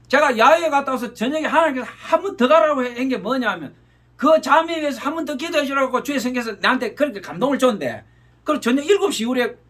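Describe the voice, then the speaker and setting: A man's voice: extremely high pitch, sharp tone. A male pastor preaching a sermon, telling an emotional story and acting out gestures as he speaks. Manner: emotional storytelling, acts out gestures with repeated "이렇게".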